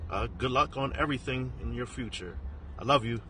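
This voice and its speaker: A man's voice: medium pitch, crowd noise. A man, an uncle, recording a plain, friendly good-luck message outdoors. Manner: plain and friendly, a few filler pauses.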